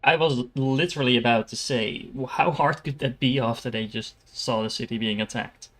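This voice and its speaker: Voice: medium pitch, moderate pace. A streamer with a Dutch accent giving casual, chatty commentary while playing a video game. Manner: chatty, hesitant asides with fillers.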